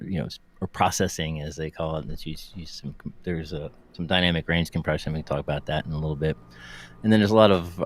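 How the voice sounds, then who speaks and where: A man casually explaining technical matters in a halting way, often restarting his phrases. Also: low voice.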